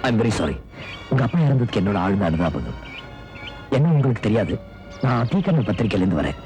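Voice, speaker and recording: A man's voice: on the low side, sing-song, fast, a little mellow, faint music behind. An actor playing an earnest newspaper reporter in a 1990s film, persuasive with his boss and polite with strangers. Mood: courteous. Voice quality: earnest, persuasive, playful with a child.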